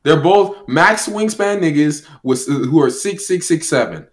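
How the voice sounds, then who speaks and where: A man in a casual basketball conversation with a slightly raised pitch. He teases the others and trips over repeated words as he pushes his point. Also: animated, measured pace. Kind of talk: casual sports debate.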